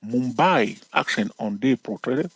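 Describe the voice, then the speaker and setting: Unhurried but expressive, a husky man teaches a casual screen-share chart lesson as a trading educator, checking in with viewers often. The recording is rough, with no room sound. He's teasing and playful, speaks directly to his audience with "okay?" and "all right?", and lifts his pitch abruptly for emphasis.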